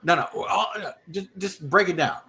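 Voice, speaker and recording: A man's voice: high voice, normal speed, sharp tone. A man on a casual live panel, prodding with questions and interrupting to ask again. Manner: probing questioner, interrupts with "hold on".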